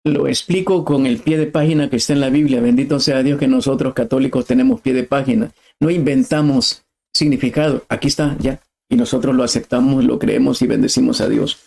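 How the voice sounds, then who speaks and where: Impassioned preacher man, gravelly voice. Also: medium pitch, fairly even intonation, a little fast, a little mellow. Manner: impassioned, emphatic, rising to cries. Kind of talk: sermon.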